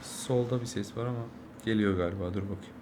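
A young man, a mobile game streamer, giving live gameplay commentary, swearing constantly and swinging from angry yelling to low muttering. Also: fairly quick. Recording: noisy game audio behind.

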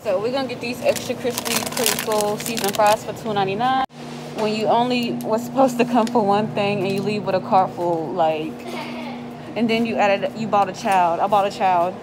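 A woman's voice: mid-range voice, steady tone, normal speed, music in the background, low-quality recording. A woman hosting a casual shopping vlog, chatting and teasing while talking straight to her viewers. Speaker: vlog host, mother.

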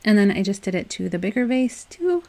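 A woman's voice: mid-range voice, sing-song, fairly quick, creaky. A young woman chatting through a home craft tutorial in a casual, upbeat voice-over. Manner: chatty and upbeat, with soft laughs and loose restarts. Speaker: DIY home decor vlogger.

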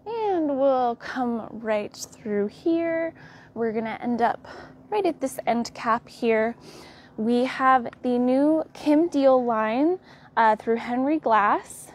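A young woman with an American accent hosting a live tour of a quilt fabric shop, walking the aisles and showing products in a friendly, unhurried way. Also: on the high side, a little hiss or hum. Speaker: quilt shop staff host.

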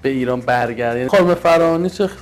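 A man interviewing a guest with direct, probing questions. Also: medium pitch.

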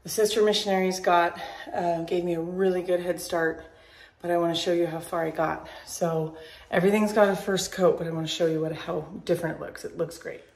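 A tired woman with a fairly low, steady, slightly mellow voice talks briskly to the camera, showing rooms of her house mid-renovation. She's a vlogger keeping things chatty and casual.

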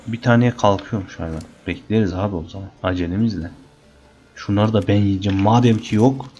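A young man casually narrating his own gameplay, chatty and teasing the creatures on screen, getting excited during fights. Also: fairly low pitch, slight background noise. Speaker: gaming channel host. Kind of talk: casual let's-play commentary.

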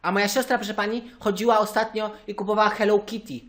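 A man's voice: sits high, little pitch movement, quick pace, fairly bright tone. A man voicing a hot-tempered young male churchgoer in a prank phone call, ranting and repeating the same phrase of address.

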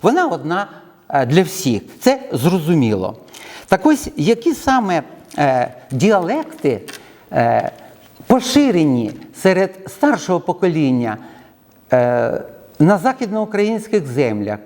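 A man's voice: a little high, huge pitch swings, measured pace, darkish tone. A middle-aged man with a Ukrainian accent giving a lecture, listing words one by one and explaining each, with frequent hesitation sounds. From southern Ukraine. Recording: long reverb in the room.

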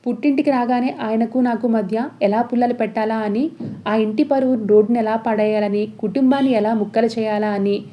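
A woman's voice: on the high side, fairly even intonation, fairly quick, dark tone, natural voice. A woman voicing a defiant young wife who confronts and accuses, in a serial recap story. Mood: angry.

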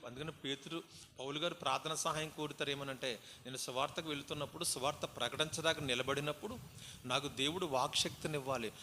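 A man's voice: a little high, sharp tone. A man preaching a sermon as pastor, exhorting the congregation and calling for praise responses. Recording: hall reverb, faint background noise.

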